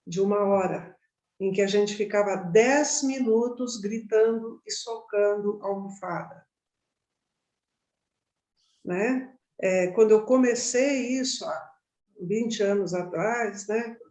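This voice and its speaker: A woman leads a meditation class, her voice sitting a little high for a woman. She talks in a loose, chatty way and keeps checking in with her listeners. The room around her sounds roomy and echoey. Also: dark tone. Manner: conversational, frequent tag questions. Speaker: meditation teacher. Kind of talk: informal class talk. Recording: roomy echo.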